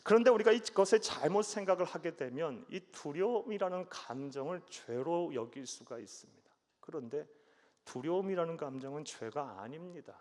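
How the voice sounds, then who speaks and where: A man preaches a sermon in a slightly high voice, asking his congregation questions and answering them himself with a short "yes." His words carry through a church sanctuary with a long reverb tail. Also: animated, moderate pace, darkish tone. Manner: asks the congregation questions, affirming "예" often. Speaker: pastor.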